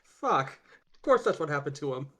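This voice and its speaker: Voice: mid-range voice, very animated, normal speed, fairly bright tone. A tabletop game player who chats casually and swears at bad dice rolls.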